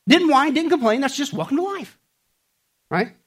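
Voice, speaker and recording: Animated preacher man with a high voice. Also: moderate pace. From Kansas. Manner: animated, swings from shouting peaks to hushed asides; conversational, asks the audience rhetorical questions. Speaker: pastor. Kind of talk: sermon.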